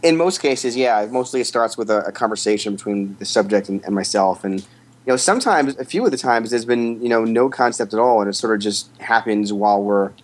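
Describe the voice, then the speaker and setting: A man's voice: on the low side, expressive, a little fast. A man, a photographer, answering questions in a casual interview with rambling, thoughtful explanations. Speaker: guest, photographer.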